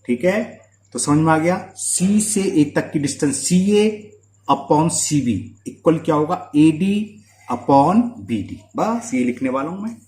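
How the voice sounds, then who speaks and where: A man teaches maths step by step, his pitch moving a lot as he keeps checking that students follow. His voice is mellow and a little high, and the room around him echoes. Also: animated. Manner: checks understanding often with quick questions. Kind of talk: board-work maths lesson.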